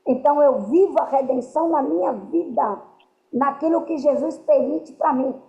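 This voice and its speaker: A woman's voice: sits high, moderate pace, creaky, dark tone. A woman giving earnest spiritual teaching to a group, often checking that her listeners understand. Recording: roomy, dull lo-fi sound.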